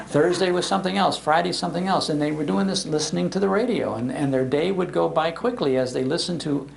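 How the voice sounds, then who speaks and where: An older American man with a fairly high, gravelly voice tells humorous, nostalgic stories to a live audience at a public library. He's giving a talk on old-time radio, delivered in a folksy, emphatic way.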